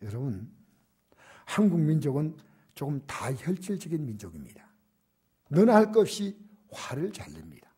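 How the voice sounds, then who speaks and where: An older man preaches to his congregation in a church sanctuary. His voice is dark and mellow, with a husky, breathy edge. He presses his points loudly, then falls to hushed, almost whispered asides. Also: fairly high pitch, big pitch swings, moderate pace. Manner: shifts from loud emphatic exhortation to soft, near-whispered asides. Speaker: pastor. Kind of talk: sermon.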